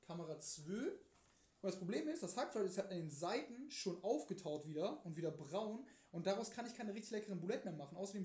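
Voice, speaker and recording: A young man chatting casually on a live stream from his home kitchen, slangy and crude, swearing freely and swinging between mumbles and loud bursts. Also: high-pitched, husky. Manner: excitable, jumps between mumbling and loud outbursts.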